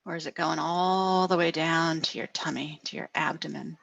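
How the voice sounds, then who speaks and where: Middle-aged counselor lady on a video call, low slow fry-ish voice, gentle, keeps saying right?. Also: fairly even intonation, dry recording, muffled recording. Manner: gentle, frequent "right?" tags. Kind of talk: guided wellness talk.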